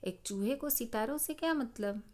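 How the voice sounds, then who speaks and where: A woman's voice: on the high side, normal speed, dark tone, voice pushed up, lightly acted. Woman doing a scolding shopkeeper. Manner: scolding, then pleading.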